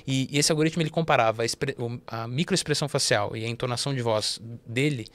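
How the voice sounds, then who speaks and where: Brazilian male podcast guest, average pitch, animated and explanatory, stumbles and restarts often. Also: fast talker. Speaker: investment firm partner, guest. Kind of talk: casual podcast interview.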